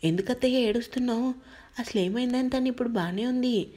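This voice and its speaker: A woman's voice: fairly high pitch, quick pace, warm tone, close to an everyday voice. Angry protective guy telling someone off, woman voicing him. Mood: soothing. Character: protective young man, stern and angry.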